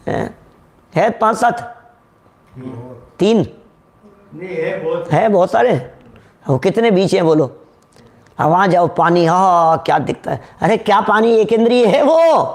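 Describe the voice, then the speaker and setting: A man giving a devotional sermon, asking his listeners questions and sometimes singing verses slowly. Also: high voice. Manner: rhetorical, questions the audience, sings verses slowly. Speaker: Jain preacher.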